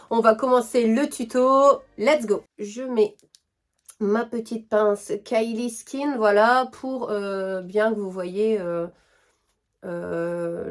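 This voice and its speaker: A young woman with a French accent chatting through a casual makeup tutorial, enthusiastic and full of fillers. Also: medium pitch. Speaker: beauty vlogger.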